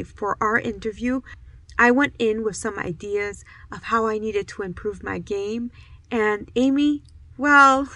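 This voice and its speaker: A Haitian woman hosting a podcast introduces her show and answers interview questions about her story in an earnest, effusive way. Her voice is on the high side with a fairly bright tone, and the recording is dry.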